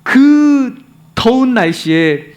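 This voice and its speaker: A male pastor preaching with a high, very lively voice that swings widely in pitch. He tells the story with animated rhetorical questions to his congregation. At key points he sinks to a near whisper. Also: drawn-out words. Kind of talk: sermon.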